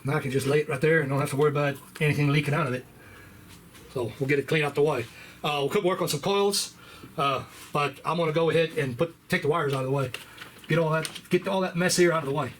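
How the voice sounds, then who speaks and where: Mechanic, man, higher-than-usual voice, easygoing rambling shop talk, faint shop noise. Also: quick pace. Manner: relaxed, rambling, many fillers and restarts. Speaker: auto mechanic. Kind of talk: casual how-to repair walkthrough. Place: auto repair shop. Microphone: camera on a tripod.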